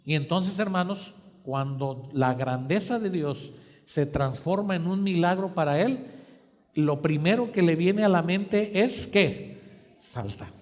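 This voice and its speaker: A man preaching a sermon, asking the congregation to finish his sentences, moving between quiet and emphatic. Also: sits high, slow pace. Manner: asks the congregation questions for them to fill in. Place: church hall. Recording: long church hall reverb.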